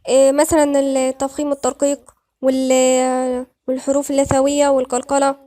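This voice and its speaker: Woman, Egyptian accent, high voice, patient recitation teacher, drawn-out repetitions. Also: completely flat delivery, warm tone. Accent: Egyptian Arabic. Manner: patient, repeats words slowly syllable by syllable. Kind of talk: tajweed lesson, slow recitation.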